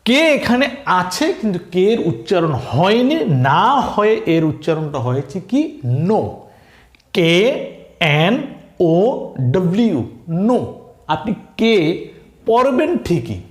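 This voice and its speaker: A man with a Bangladeshi accent teaching English, slowly spelling words letter by letter and quizzing his viewers. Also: high voice, very animated. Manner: slow, repetitive teaching, spells words letter by letter and asks questions. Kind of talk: spoken language lesson. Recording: echoey room.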